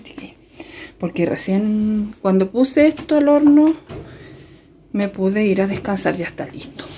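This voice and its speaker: A woman's voice: mid-range voice, dull audio, slight background noise. A Chilean woman chatting casually to her viewers in a home cooking vlog from her kitchen. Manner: chatty, addresses viewers directly and often. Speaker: vlogger.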